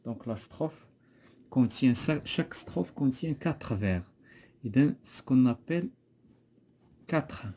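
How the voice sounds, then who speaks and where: A man's voice: mid-range voice, animated, slow, long pauses, mellow. A man with a Moroccan accent, teaching a poetry lesson and patiently repeating and correcting a pupil's answers.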